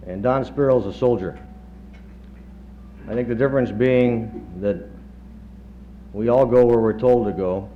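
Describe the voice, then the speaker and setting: A middle-aged man, a chief of staff, giving a halting tribute speech with dry humor, heard on old worn reel-to-reel tape. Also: on the low side. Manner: halting, many pauses and fillers, dry humor. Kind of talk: after-dinner tribute speech. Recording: dull worn 1970s tape with faint hum.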